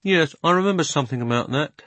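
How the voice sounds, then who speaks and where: A slow, thoughtful talking horse from a storybook, done by a male reader. He muses and hesitates, sounding a little muddled. The voice sits a touch above the reader's own and is close and dry. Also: fairly high pitch, animated, fairly bright tone, no room sound, pitched above the performer's own voice. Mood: musing. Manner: slow, musing.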